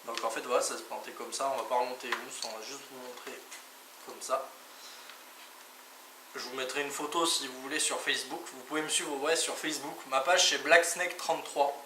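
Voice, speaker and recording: At a fairly quick clip, a man with a steady, mid-range voice presents motorcycle gear as a vlogger in a casual hands-on tutorial. He talks informally through each step with small interjections. His mic is distant, the room echoes, and the background is clearly noisy.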